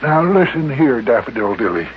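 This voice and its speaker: A man's voice: mid-range voice, sing-song, moderate pace, close to an everyday voice. A man playing a blustery, stammering, folksy older mayor in a children's radio comedy. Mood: indignant. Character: folksy, flustered older male small-town mayor. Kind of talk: old-time children's radio comedy acting. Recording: dull, noisy old radio recording.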